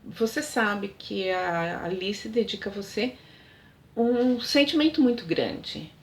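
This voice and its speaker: A woman voicing a fatherly older baron who speaks slowly and measuredly in a retold story. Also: mid-range voice, animated.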